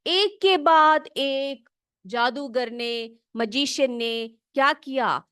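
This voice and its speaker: A woman teacher reads an English text slowly, word by word, and explains each phrase to the children. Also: high-pitched, bright, forceful tone, clear, resonant tone, no echo, studio quality. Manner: asks questions back to the children. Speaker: school teacher. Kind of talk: bilingual classroom reading lesson.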